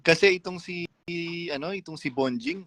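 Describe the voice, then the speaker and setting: A man who is a guest on a casual livestream, speaking emphatically and pushing out loud indignant questions. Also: on the high side, moderate pace, dry recording.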